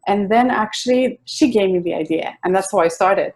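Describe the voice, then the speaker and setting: A woman's voice: mid-range voice, moderate pace. A young woman with a Swedish accent, a singer-songwriter guest chatting casually in an interview over a video call. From Sweden. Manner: relaxed and chatty, with soft laughs and restarts. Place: home in a city apartment.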